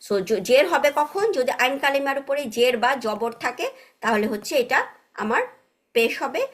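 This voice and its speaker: Patient woman teaching grammar, higher voice. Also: normal speed. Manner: patient, checks understanding with frequent tag questions; mixes English words into explanations. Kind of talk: online class explanation.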